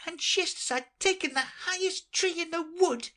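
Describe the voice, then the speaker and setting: A woman's voice: moderate pace, sharp tone. A woman voicing a fretful female pigeon that shrieks and complains. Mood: indignant. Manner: shrill, accusing, sobbing complaints.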